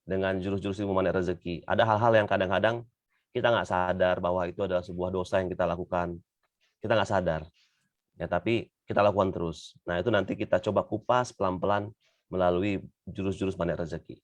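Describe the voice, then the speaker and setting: A man's voice: low voice, fairly even intonation, fast, no room sound. A man giving an Islamic talk to an audience in a conversational way, often tagging his sentences with small fillers. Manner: conversational, repeats "gitu ya" often. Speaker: religious motivational speaker.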